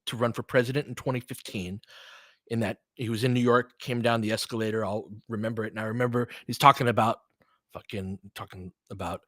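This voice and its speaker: Here a podcast host who also streams sports play-by-play holds an unscripted, casual chat with listeners, earnest and rambling, with plenty of profanity. He speaks briskly in a mid-range voice with fairly even intonation and a fairly bright tone. The recording is dry.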